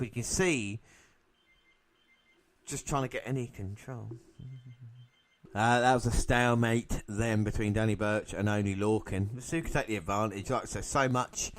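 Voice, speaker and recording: A man calls a wrestling bout with a bright, forceful voice. He gets excited easily and breaks into laughter. His pitch sits in the middle range. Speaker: podcast co-host. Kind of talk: playful wrestling commentary.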